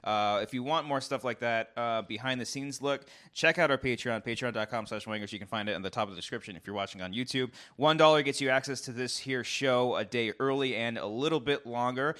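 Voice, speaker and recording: Podcast host dude in a hotel room, rambly, lots of ums, laughs easy, average pitch. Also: male voice, fairly quick, hardly any pauses, a bit bright. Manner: rambling, filler-heavy, laughs easily. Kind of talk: casual chat, housekeeping plugs.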